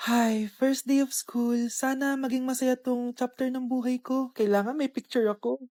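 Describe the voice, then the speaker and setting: A woman's voice: high-pitched, steady tone, moderate pace, mellow, lightly acted. A woman voicing a hopeful teenage schoolgirl who speaks sweetly and earnestly in a comedy skit.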